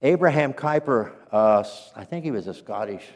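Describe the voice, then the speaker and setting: A man teaching a Sunday school class, reading quotations aloud in an earnest, unhurried way and stopping now and then to clear his throat or correct himself. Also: mid-range voice, animated, big-room sound. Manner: corrects himself mid-sentence. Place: church.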